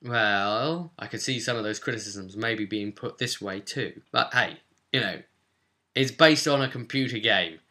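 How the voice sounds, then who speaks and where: The presenter of a tabletop roleplay primer explains game rules to a newcomer in an informal, chatty tutorial, checking in with "okay?" and "right?". His voice is lowish, unhurried, and pushed and bright.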